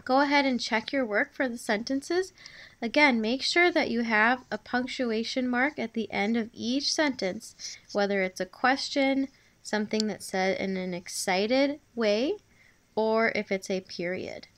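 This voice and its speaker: A woman teacher leads a spelling review, saying every sound, word and sentence twice. Her voice sits a little high, and she speaks slowly and clearly so children can write along. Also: fairly bright tone. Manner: slow, clear dictation, repeating each word. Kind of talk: spelling dictation lesson.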